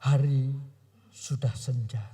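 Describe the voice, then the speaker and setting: A man in his seventies, a pastor telling a personal story in a sermon, moving between hushed retelling and raised preaching. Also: medium pitch, steady tone, slow, husky. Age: 70s. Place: church sanctuary. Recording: long church hall reverb.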